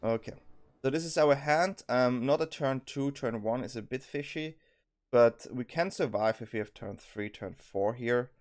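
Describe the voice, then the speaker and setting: Playing a card game, a young man with a Swiss accent thinks aloud in casual commentary, full of ums, restarts and self-corrections. His voice sits at medium pitch, moves at normal speed and sounds a little mellow.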